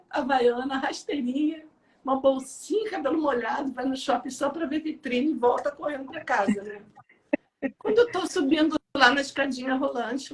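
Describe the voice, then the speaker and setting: A woman, an author telling lively anecdotes about her book and laughing as she goes. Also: high-pitched. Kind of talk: casual storytelling talk.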